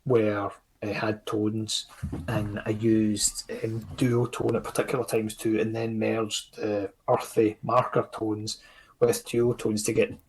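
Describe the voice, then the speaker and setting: A Scottish comics creator chatting casually as a podcast guest, rambling and self-critical, with lots of fillers. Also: male voice, lowish voice, flat delivery, slow, a little mellow, a little hiss or hum. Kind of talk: casual chat.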